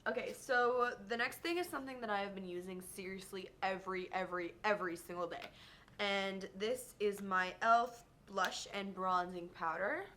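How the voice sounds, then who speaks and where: Bright, gushing young woman vlogger. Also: mid-range voice, normal speed, a little hiss or hum. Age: young adult. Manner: gushing, excitable, says amazing a lot. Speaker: beauty vlogger. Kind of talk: casual favorites vlog.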